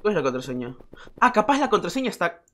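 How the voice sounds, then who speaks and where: A man commenting casually on a game he is playing, excitable, repeating words in quick bursts and yelling when startled. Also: high-pitched. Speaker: gaming streamer.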